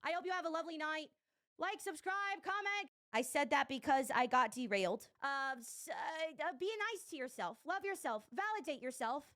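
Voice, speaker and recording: A woman's voice: high-pitched, expressive, a little fast, hardly any pauses, fairly bright tone. A young woman streamer giving rambling, exasperated commentary on clips, swearing a lot. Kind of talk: casual commentary reacting to clips.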